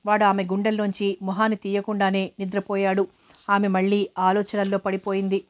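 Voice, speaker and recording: A woman narrating a novel aloud in a steady storytelling manner. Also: mid-range voice, fairly quick.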